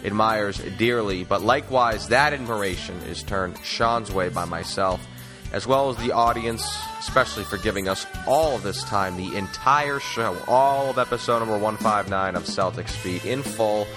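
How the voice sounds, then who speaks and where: A man hosting a sports talk podcast speaks at a moderate pace in a fairly low voice. Music plays beneath him as he handles interviews and the sign-off with emphatic, wordy announcer flair.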